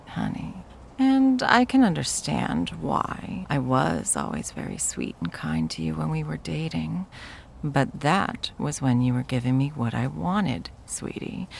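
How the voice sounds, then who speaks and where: In an intimate ASMR roleplay, a woman voices a possessive corporate ex-girlfriend who is coldly menacing yet cloyingly sweet, taunting with drawn-out endearments and breathy whispers. Her deep, darkish voice is fully in character, with a slight hiss or hum in the audio.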